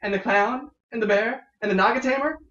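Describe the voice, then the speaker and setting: A man voicing an excitable, tactless female gnome in a tabletop game reading, raised high and gushing. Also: fairly quick, full character voice. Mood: excited. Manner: gushing, then flat monotone when reluctant. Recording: echoey room, distant mic, dull sound.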